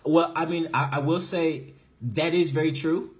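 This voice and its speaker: A young man joins a video call as a guest and answers questions in a relaxed, explanatory way. He often fills gaps with "you know" as he talks through his points. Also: fairly high pitch, normal speed. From United States. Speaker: guest, real estate investor.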